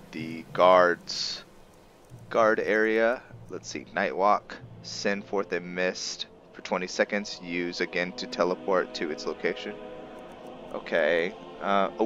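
Hosting a let's-play, a man with a low-pitched, slightly bright voice offers casual commentary, thinking out loud about his decisions. Game music runs in the background.

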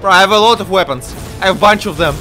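A man giving excitable let's-play commentary, yelping and repeating words in mock panic. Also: sits high, rapid-fire, soft background music. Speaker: gaming channel host.

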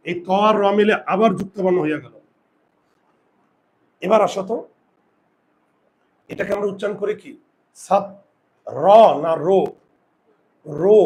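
Male teacher, high voice, quizzes students and repeats words slowly, faint background noise. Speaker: Bengali grammar teacher. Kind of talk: classroom lesson.

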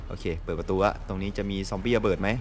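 Excitable Thai-accented gamer guy. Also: low voice, very fast, faint music behind. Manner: excitable, laughs often, mild swearing. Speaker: gameplay streamer. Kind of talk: casual let's-play commentary.

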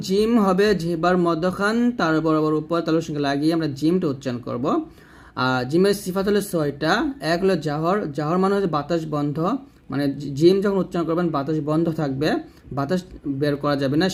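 A man giving a recitation lesson, explaining and demonstrating each letter sound slowly, and asking viewers to repeat after him. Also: on the high side. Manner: addresses viewers directly. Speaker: Quran recitation teacher. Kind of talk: tajweed lesson.

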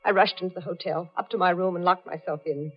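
A woman's voice: on the low side, steady tone, fast, husky. An actress playing a hunted, desperate woman who narrates her own story in a 1940s radio drama, heard through an old AM radio broadcast. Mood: tense. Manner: tense first-person storytelling. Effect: old AM radio broadcast sound. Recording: muffled 1940s AM radio broadcast with faint music.

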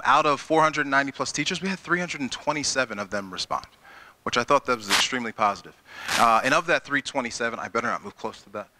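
Man, Midwestern American accent, district leader at a town hall, very bright forceful tone, dry close sound, handheld mic, loose talk with many fillers. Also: mid-range voice. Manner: conversational, many filler words and restarts. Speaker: school district chief executive. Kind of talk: presenting at a town hall meeting. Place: school auditorium with a seated audience. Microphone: handheld microphone.

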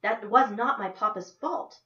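A woman's voice: lowish voice, normal speed, echoey room, highs cut off, lightly acted. A woman reading as a proud girl through gritted teeth. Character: proud, hurt girl from a wealthy family.

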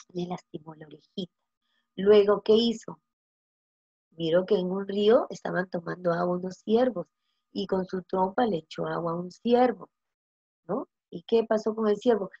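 A woman's voice: medium pitch, a little mellow, husky, no echo, highs cut off. Patient woman teacher asking children questions. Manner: asks the children many questions, answers them herself. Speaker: first-grade teacher. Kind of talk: recorded remote reading lesson for young children.

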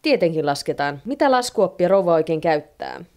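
A woman's voice: lowish voice, animated, darkish tone. A woman voicing a spiteful magical lamp genie who speaks in formal, smug pronouncements in a storybook reading.

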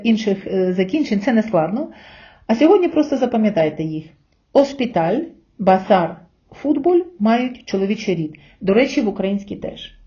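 Female language teacher, warm mellow tone, patient explainer, slightly lo-fi recording. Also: mid-range voice. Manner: clear, patient explaining with rhetorical questions. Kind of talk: scripted lesson narration. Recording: slightly dull lo-fi sound.

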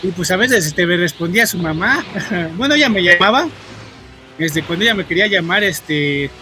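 A man from Mexico with a Mexican accent, chatting to viewers while he plays, rambling, filling every pause with "este" and swearing at the game in bursts. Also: sits high, animated. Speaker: gaming streamer. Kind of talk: casual gameplay commentary to viewers. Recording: loud game music under the voice. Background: game music.

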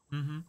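A man streaming a video game live, giving relaxed commentary with chuckling asides into a desk mic. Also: no echo.

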